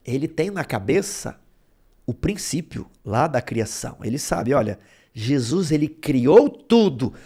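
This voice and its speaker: A male Bible teacher talks slowly and patiently, his voice sitting a little high. His pitch swings widely as he stresses each key word. He checks in often with short asides to his listeners. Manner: explains word roots step by step, checking in with "tá bom?" and "né?". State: throat bothering him. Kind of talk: explanatory Bible lesson.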